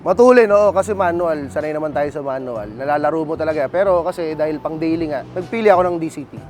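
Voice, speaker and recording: Isang batang lalaki na may Pilipinong punto, kaswal na kinakapanayam sa labas tungkol sa kanyang kotse, madalas magsabi ng "bro". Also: male voice, fairly high pitch, quick pace, faint music behind. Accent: Filipino. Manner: relaxed, casual, says "bro" often. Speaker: car owner guest.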